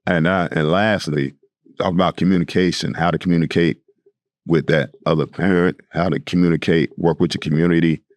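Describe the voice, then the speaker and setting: A man's voice: low voice, fairly even intonation, brisk, no echo. A middle-aged man, a retired police officer who runs a fatherhood program, talking plainly in a casual panel chat and repeating his points for emphasis. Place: podcast studio.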